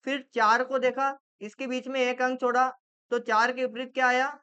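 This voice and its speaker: A woman's voice: high-pitched, little pitch movement, normal speed, bright, forceful tone, clear, resonant tone. A woman teacher, running a classroom reasoning lesson and quizzing her students with repeated questions. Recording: muffled lo-fi classroom recording.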